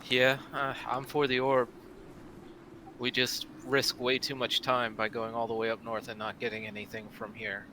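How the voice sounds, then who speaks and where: A man's voice: medium pitch, completely flat delivery, moderate pace, pushed and bright, a little hiss or hum. A man playing a tabletop game, reasoning out choices in casual chat. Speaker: player.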